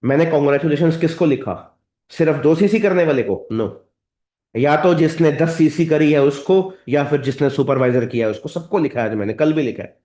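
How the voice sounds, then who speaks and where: Indian-accented man, motivational trainer, direct lecturing delivery, slightly high voice, echoey hall. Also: normal speed, dark tone. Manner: direct, lecturing, addresses audience as sir and madam.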